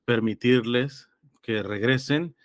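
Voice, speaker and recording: A man from Los Angeles, California, with a slightly congested throat speaks as an interview guest in a theological conversation, hesitant and reflective, explaining through examples and citations. His medium-pitched voice is slow, captured in a dry, clean studio recording.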